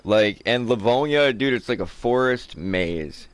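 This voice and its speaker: A man's voice: mid-range voice, lively intonation, a little slow, clean tone, no room sound. A man streaming a survival game live, talking casually to viewers, saying dude and man and swearing freely.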